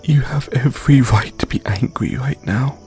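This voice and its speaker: Faint music plays behind a man speaking at normal speed in a medium pitch as he acts a gentle boyfriend in a comfort roleplay. He hushes and soothes his grieving partner with tenderness.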